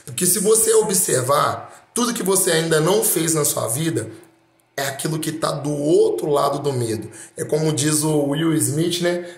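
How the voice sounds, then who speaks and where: A man's voice: fairly high pitch, normal speed. A man with a Brazilian Portuguese accent giving a motivational talk, speaking emphatically and straight to the listener with repeated phrases. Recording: roomy echo.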